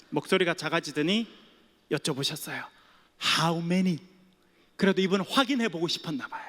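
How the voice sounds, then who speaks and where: A man's high-pitched, slightly bright voice carries through a seminary chapel's long reverb as he preaches. He is a pastor from Geoje island in South Korea, telling stories and cracking playful jokes for his listeners.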